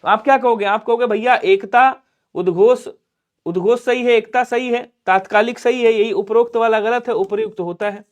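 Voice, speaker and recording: A man's voice: high voice, moderate pace. A man teaching an online exam-prep grammar lesson, explaining step by step and asking his students questions that he answers himself. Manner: urges viewers to like and subscribe.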